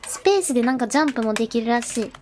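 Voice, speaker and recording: A woman's voice: fairly high pitch, lively intonation, rapid-fire, darkish tone, a little hiss or hum. A woman streaming as a VTuber, chatting casually with many fillers while she sets up and then translates the game narration aloud. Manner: chatty, lots of fillers, talks to herself while setting up.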